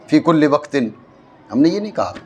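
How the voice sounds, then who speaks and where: A man with a Pakistani Urdu accent teaching a classroom grammar lesson, explaining slowly and often checking that his students follow. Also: a little high, big pitch swings, darkish tone, dull audio. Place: madrasa classroom.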